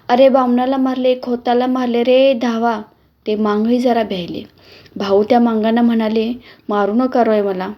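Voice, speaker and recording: Warm-voiced woman reading a story aloud. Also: mid-range voice. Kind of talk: reading a classic novel aloud.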